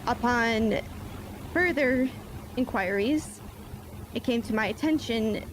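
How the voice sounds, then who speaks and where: Her voice sits slightly high against a noisy backdrop. She's roleplaying a police officer giving formal testimony from the witness stand in a game, phrasing everything like a stiff official report.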